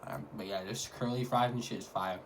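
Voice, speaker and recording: A man's voice: on the low side, steady tone, fairly quick. A man talking casually in a food vlog, hyping things up in repetitive slang. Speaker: mukbang vlogger. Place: at home. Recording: clearly noisy home recording.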